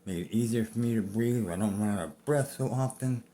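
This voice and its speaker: A man's voice: on the low side, fairly quick, mellow, slight background noise. A man in his fifties talking to camera in a blunt, profane, rambling way. He is out of breath as he speaks. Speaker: vlogger. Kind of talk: personal talk to camera.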